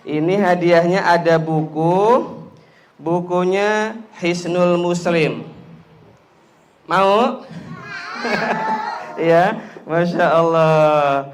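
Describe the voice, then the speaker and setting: A man's voice: high-pitched, very slow, long pauses, slight background noise. A man giving a playful talk to a group of children, teasing them and leading call-and-response chants into a handheld microphone. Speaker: children's speaker. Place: school hall with children.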